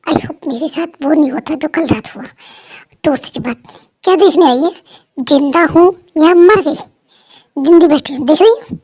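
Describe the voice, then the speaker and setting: Woman voicing a jealous young wife, high voice, scolding, exasperated, fan story role-play. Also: moderate pace, darkish tone.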